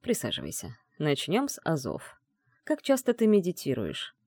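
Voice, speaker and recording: A man voicing an arrogant male mage mentor who taunts in a calm, low, mocking tone, in an audiobook. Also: normal speed, no echo, studio quality, full character voice. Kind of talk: audiobook dialogue reading.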